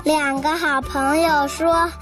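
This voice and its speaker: Lady reading a kids' bedtime story, high voice, slow, music playing under. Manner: gentle, expressive storytelling. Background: children's music.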